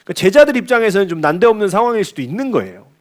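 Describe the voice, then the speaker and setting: At a church service, a male pastor preaches in a high, sing-song voice at a very fast pace. His style is conversational, peppered with rhetorical questions to his listeners.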